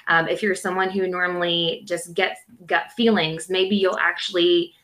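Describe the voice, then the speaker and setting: Bright-voiced woman explaining astrology casually. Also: on the low side, level tone, normal speed. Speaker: astrology forecast commentator.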